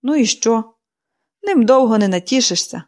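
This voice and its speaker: A woman's voice: on the high side, animated, normal speed, natural voice. A woman reader voicing an irritable, bedridden older woman who grumbles peevishly.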